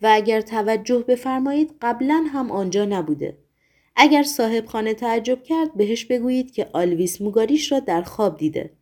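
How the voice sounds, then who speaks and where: A man's voice: very high-pitched, animated. A woman voicing a playful, mock-polite male trickster who conjures things away.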